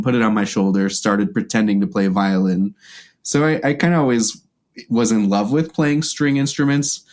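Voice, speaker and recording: An American man with a lowish, darkish voice appears as a podcast guest. A violinist and music teacher, he casually recounts his background during the interview.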